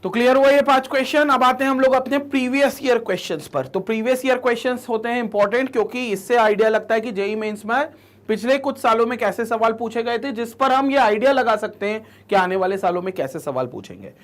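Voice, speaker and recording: A woman giving an exam-prep chemistry lecture. She mixes English terms into her speech, reads questions out slowly and repeats each answer. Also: fairly high pitch. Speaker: chemistry teacher.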